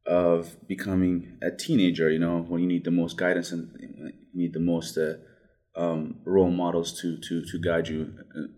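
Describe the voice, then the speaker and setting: A man's voice: low voice, darkish tone. A young man from Ethiopia whose first language is Amharic, talking through his story in a casual interview, hesitant with frequent restarts. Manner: hesitant, many restarts and fillers. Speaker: guest.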